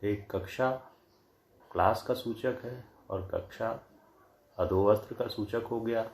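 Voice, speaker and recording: A man teaching a grammar lesson from slides, saying each word slowly and often twice so that wrong and right forms can be compared. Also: fairly low pitch, fairly even intonation, reverberant. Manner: slow, deliberate, says each word pair twice to contrast. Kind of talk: slide-based lecture.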